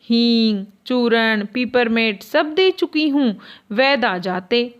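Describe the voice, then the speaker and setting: A woman's voice: fairly high pitch, slow pace. A woman reading the lines of a doting, anxious mother in a play, coaxing and tender. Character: doting anxious mother soothing her sick son. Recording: dull lo-fi recording.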